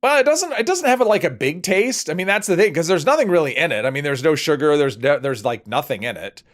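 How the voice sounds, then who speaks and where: A man's voice: a little high, animated, fast. A man hosting a livestream, casually thinking aloud as he plays and rambling off into conversational asides. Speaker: livestream host.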